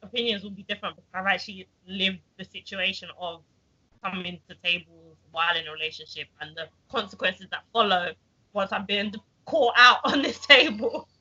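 A woman's voice: medium pitch, fairly quick, pushed and bright, husky. A young woman, debating casually in a blunt, assertive way. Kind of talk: heated casual group debate. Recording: muffled lo-fi sound.

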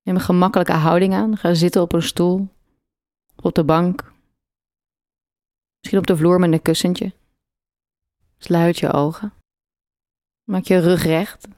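A woman leading a guided meditation, speaking slowly and soothingly with long pauses between phrases. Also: on the low side, steady tone, a little mellow, no room sound.

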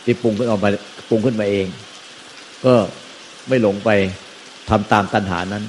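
A man, a Buddhist monk, calmly explaining teaching in a Dharma conversation. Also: lowish voice, moderate pace, a little hiss or hum, poor audio. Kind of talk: Dharma talk.

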